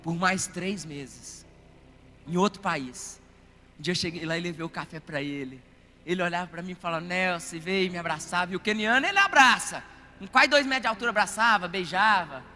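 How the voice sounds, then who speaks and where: A man's voice: sits high, brisk, a little hiss or hum. A Brazilian man preaching as a pastor, telling a story and calling the congregation "querido" and for amens. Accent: Brazilian Portuguese. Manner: animated, addresses listeners as "querido" and calls for amens. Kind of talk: storytelling sermon. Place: church hall. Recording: reverberant church hall with faint music.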